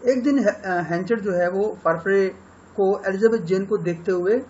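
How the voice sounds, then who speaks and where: A man with an Indian accent teaching English literature, summarizing a novel chapter by chapter in an explanatory lecture, mixing Hindi with English and pausing on fillers. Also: high voice, darkish tone, highs cut off.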